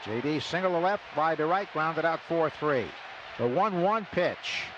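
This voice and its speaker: Loud stadium crowd sound surrounds this muffled radio call, where an American man does live baseball play-by-play from the booth. His voice is fairly high and expressive, and he takes an unhurried pace.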